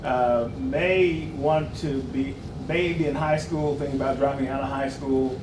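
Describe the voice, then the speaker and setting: A man moderating a panel and asking questions, slightly halting. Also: medium pitch, fairly even intonation. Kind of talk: panel discussion. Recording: roomy, distant, noisy.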